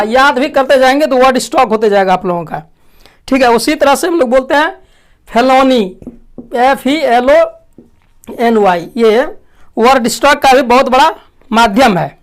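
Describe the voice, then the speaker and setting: A woman teaching a language lesson, asking questions and answering them herself, clearing her throat often. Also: high voice. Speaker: English teacher. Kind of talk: classroom lesson.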